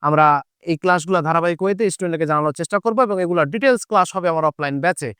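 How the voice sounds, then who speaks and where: Racing through an online lesson, this Chapainawabganj-accented Bengali teacher from Chapainawabganj, Bangladesh, repeats key ideas and fields his own questions. His high voice is a bit bright, clear and resonant, in studio quality with no room sound.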